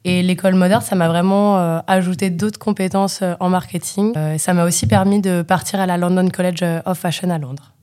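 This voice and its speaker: A woman's voice: on the low side, steady tone, brisk, few pauses, warm tone, no room sound. Chatty young woman, dry close sound. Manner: chatty, many fillers. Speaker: fashion communication student. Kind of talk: casual spoken testimony.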